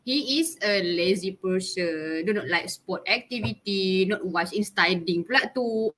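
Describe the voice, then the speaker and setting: Malaysian-accented woman in her twenties, bright voice, unhurried, giggly class presenter. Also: medium pitch. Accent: Malaysian English. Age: 20s. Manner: chatty, giggly, mixes in Malay words. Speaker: student presenter.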